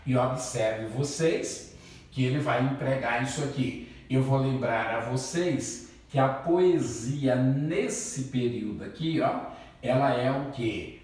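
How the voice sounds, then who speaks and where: Slow-talking man lecturing in an echoey room. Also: medium pitch, a little mellow, recorded from a distance. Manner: asks the class questions and answers them himself; calls students "my children". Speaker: literature teacher. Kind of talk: classroom lecture.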